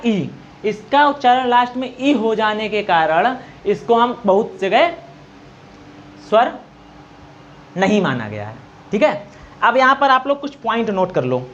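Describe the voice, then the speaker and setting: A man's voice: high-pitched, a bit bright. A man teaching an exam-prep grammar lecture, asking and answering his own questions, stretching out vowel sounds and dictating notes. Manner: draws out vowel sounds to demonstrate. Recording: dull lo-fi recording with faint noise.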